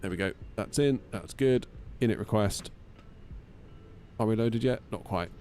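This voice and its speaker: A man's voice: fairly low pitch, measured pace, darkish tone, a little hiss or hum. A man streaming a flight simulator, muttering casually to himself and making radio readbacks.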